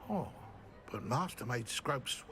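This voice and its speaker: A man's voice: medium pitch, expressive, measured pace, sharp tone, slight background noise. A man playing a timid, servile house-elf in a video game, hesitant and eagerly deferential to a master. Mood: nervous deference. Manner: hesitant, deferential, speaks of self in third person. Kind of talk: theatrical video game creature voice.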